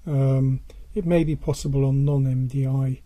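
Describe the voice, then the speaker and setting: Older man, husky voice giving out. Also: medium pitch, steady tone, mellow. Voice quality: husky, dull and worn. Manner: halting, repeats points for emphasis. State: losing his voice, hoarse and giving out. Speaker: presenter of a music tech video. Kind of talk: casual product-advice talk.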